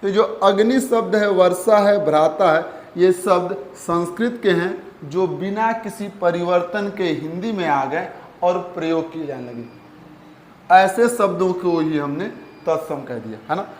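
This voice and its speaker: A man's voice: sits high, unhurried, slight background noise. A man teaching a Hindi grammar lesson, calling his students "beta" and "bachche" and repeating each key point. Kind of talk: classroom lesson. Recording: echoey room.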